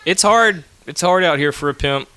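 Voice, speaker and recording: A man's voice: fairly high pitch, moderate pace, bright, forceful tone, faint music behind. Joking, foul-mouthed man in his thirties. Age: 30s. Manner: joking, swears freely, playful teasing. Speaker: podcast co-host. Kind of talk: casual chat.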